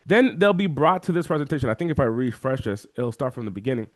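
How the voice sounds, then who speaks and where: A man talking as an interview guest, walking through software on a shared screen and acting out the voices of chat viewers. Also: medium pitch, fast talker, no room sound, clean studio sound. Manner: animated, acts out quoted chat voices. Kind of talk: energetic screen-share walkthrough.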